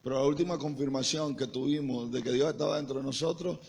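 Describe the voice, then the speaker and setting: A man's voice: medium pitch, steady tone, quick pace, gravelly, darkish tone, slight background noise. A man preaching a sermon to a congregation in a church, impassioned and emphatic, having listeners repeat phrases after him. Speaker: pastor.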